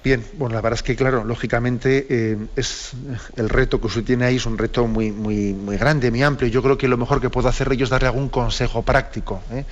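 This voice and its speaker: A priest answers listeners' questions in a measured, steady voice, tagging his thoughts with little checking questions. His pitch sits mid-range for a man. The sound is slightly dull, as on a radio broadcast. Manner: measured, ends phrases with tag questions. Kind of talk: radio call-in spiritual advice.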